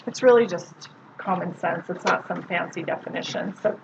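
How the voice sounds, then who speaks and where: A woman's voice: on the low side, moderate pace, creaky. Woman social worker teaching a class, chatty, muffled noisy recording. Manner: casual, conversational, quizzes the audience. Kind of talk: classroom lecture. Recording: muffled lo-fi recording with loud background noise.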